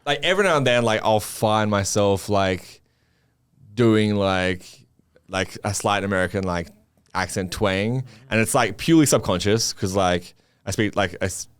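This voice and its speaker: Aussie guy, deep voice, rambly casual chat w lots of likes, dry close sound. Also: moderate pace, clean tone, no room sound. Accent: Australian. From Australia. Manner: rambling, many likes and restarts, swears. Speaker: podcast guest.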